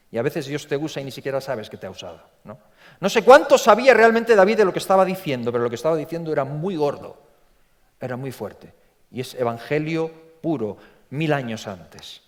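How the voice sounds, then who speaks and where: Animated preacher from in a big hall. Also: male voice, fairly high pitch. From Spain. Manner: animated, repeats words, acts out quotes in a story. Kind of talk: sermon. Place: large church. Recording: long reverb from a church hall.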